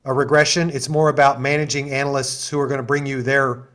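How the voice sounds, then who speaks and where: Speaking fairly quickly in a mid-range, slightly bright voice with flat delivery, a middle-aged man hosts an info session as assistant dean. On the video call, his explanation of programs is chatty and enthusiastic, loaded with fillers and asides.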